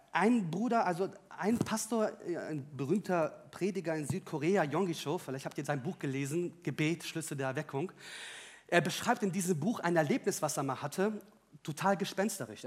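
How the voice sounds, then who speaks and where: A man preaching a sermon, moving between loud emphatic calls and quiet, joking personal asides. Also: fairly high pitch.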